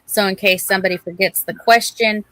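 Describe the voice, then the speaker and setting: A woman co-hosts a casual livestream, reading viewer comments and answering them in a chatty, informal way, greeting people by name. Her voice is medium-pitched, steady and sharp, and a little fast. The recording is dry and low quality.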